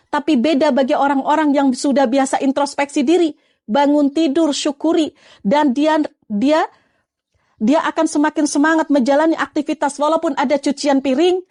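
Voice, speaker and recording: A woman preacher giving a lively, coaxing religious talk, speaking to her viewers as friends. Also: sits high, no room sound. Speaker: Islamic preacher. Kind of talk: live-streamed religious talk.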